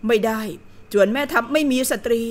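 A woman's voice: on the high side, a little fast, natural voice. Icy curt young general, read by a woman. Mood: cold, curt. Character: cold arrogant young male general.

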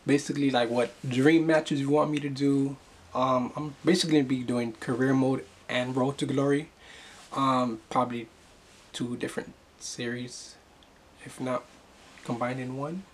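A young man chatting casually to the camera in an excitable, rambling way. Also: mid-range voice, normal speed, a little hiss or hum. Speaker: gaming YouTuber. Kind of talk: casual vlog chat.

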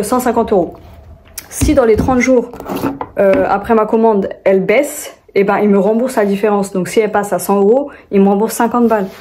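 Young woman vlogger, rambling casual chat, soft mellow tone. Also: mid-range voice, slight background noise. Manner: rambling, chatty, many fillers and restarts.

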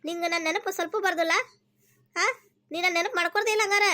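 A woman's voice: extremely high pitch, steady tone, fast talker, pushed and bright. Woman doing a clingy cartoon village girl. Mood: plaintive. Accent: North Karnataka Kannada. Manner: plaintive, pestering questions. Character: young village daughter, clingy and questioning. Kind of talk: cartoon voice acting.

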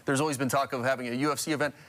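A man's voice: medium pitch, steady tone, a bit bright. A man, interviewing guests as a morning news anchor in a TV studio. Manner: quick, conversational, with restarts.

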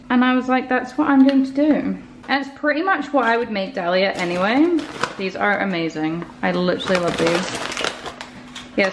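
A woman in her thirties talks casually to her camera at home, telling stories with quick laughs along the way. Her voice sits at a middle pitch, close to the mic. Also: a little hiss or hum. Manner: chatty storytelling, laughing often. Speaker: lifestyle vlogger. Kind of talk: casual vlog chat to camera.

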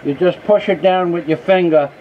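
A man's voice: high voice, moderate pace. Man explaining a repair step by step. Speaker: mechanic demonstrating a repair. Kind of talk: casual how-to instruction. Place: outdoors beside heavy machinery. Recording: phone-like, faint outdoor noise.

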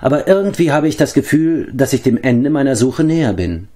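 A man's voice: medium pitch, expressive, fairly quick, warm tone, voice pushed up, natural voice. A man voicing an earnest young male hero, a humble pig-keeper, in a storybook reading. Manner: earnest, hopeful.

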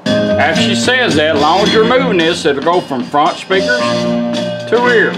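At his indoor workshop bench, a middle-aged vintage car radio restorer demonstrates a product hands-on in an informal, plain-spoken way, with the radio's guitar music sometimes in the background. His voice sits high and sing-song at a moderate pace, and the recording is low quality.

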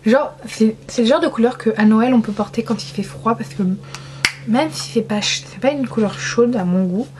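Young woman, from France, beauty vlogger, casual chat, enthusiastic, self-mocking, slightly high voice, faint background hum. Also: normal speed. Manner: chatty, enthusiastic, self-mocking with frequent laughs. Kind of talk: casual makeup swatch review.

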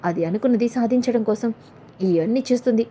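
A woman's voice: a little high, brisk, mellow, a little hiss or hum, lightly acted. A woman voicing a stubborn young wife and mother in a retold serial, speaking in a defiant, scolding way.

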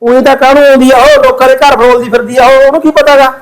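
A man playing a young village husband who calms and lectures his quarrelling family in a comedy skit, with a Malwai Punjabi accent. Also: very high-pitched, fast talker. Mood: soothing. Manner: coaxing, lecturing peacemaker. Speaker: son and husband. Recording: noisy crowd in the background.

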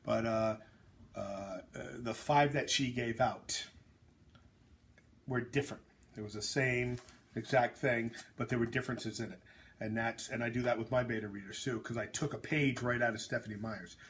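A man at an ordinary middle pitch talks shop in a loose, rambling podcast chat, blunt and joking as he goes. Faint noise sits under his voice. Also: fairly even intonation, normal speed, a bit bright. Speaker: author and host.

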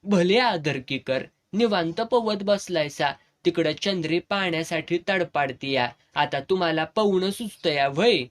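An old village landlord blusters and coaxes in thick rural Satara dialect, as a male reader acts him out. The voice is a shade high for a man. He is a storybook figure, vain and easily riled. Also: expressive, measured pace, few pauses. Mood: blustering. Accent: rural Satara Marathi dialect.

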